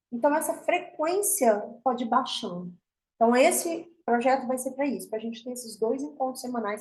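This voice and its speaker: A woman with a Brazilian Portuguese accent hosts an online spiritual meeting for women. She shares a heartfelt personal testimony in an earnest, emotional way, sometimes rushing and sometimes slowing right down. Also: a little high, darkish tone. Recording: roomy echo.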